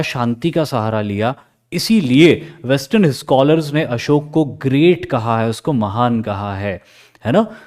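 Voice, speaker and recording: A man with an Indian accent giving a lively recorded history lecture, asking questions and acting out students' answers. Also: fairly high pitch. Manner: lively, asks questions and acts out students' replies. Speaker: history teacher.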